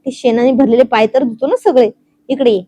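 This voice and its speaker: A woman's voice: on the high side, fairly even intonation, a little fast, mellow, dry recording, natural voice. A woman voicing a playful, teasing young husband who coaxes his wife in a romantic story. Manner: teasing, coaxing.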